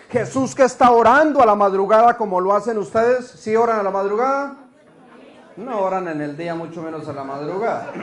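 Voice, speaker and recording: A man preaching a lively sermon, telling stories and asking the congregation questions. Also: extremely high pitch, roomy sound. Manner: animated storytelling, asks the congregation questions.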